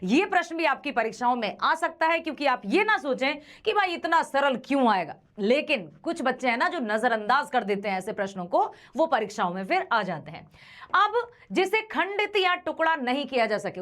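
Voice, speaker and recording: A woman teacher leads an exam-prep grammar lesson, quizzing her students and slowly repeating sounds to demonstrate them. Her voice sits high and sounds a bit bright, and she is very animated.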